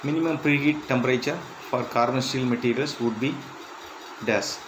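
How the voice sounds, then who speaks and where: A man reading interview questions and answers aloud in a plain, measured way, with slightly halting phrasing. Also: mid-range voice, noisy background. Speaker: instructor.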